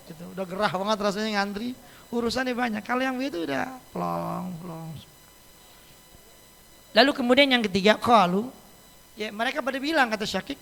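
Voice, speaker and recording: A man's voice: very high voice, creaky, a bit bright. A man giving a casual, joking sermon as an Islamic teacher in a mosque, often laughing as he talks. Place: mosque hall. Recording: echoey mosque hall.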